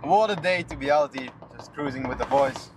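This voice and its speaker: Brisk and on the high side, this 20-something car vlogger keeps up casual chatter as he drives. Car and road sound come through clearly in the recording.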